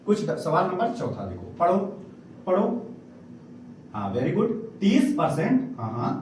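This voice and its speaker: A male maths teacher with a high, lively voice, coaxing his students along as he works through problems. He is recorded from a distance in a very echoey classroom, with faint noise behind him. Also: unhurried. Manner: coaxing, repeatedly prompts students to read aloud.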